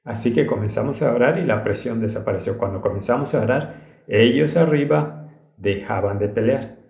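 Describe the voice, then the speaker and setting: A man's voice: medium pitch, normal speed, gravelly, a little mellow. Earnest male preacher, roomy echo. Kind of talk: sermon, dubbed storytelling.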